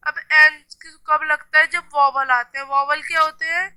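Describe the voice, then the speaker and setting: A woman's voice: sits high, steady tone, moderate pace, pushed and bright, no room sound, low-quality recording. A woman teacher with an Indian accent explaining a grammar worksheet step by step and reading example sentences aloud. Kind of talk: classroom grammar lesson.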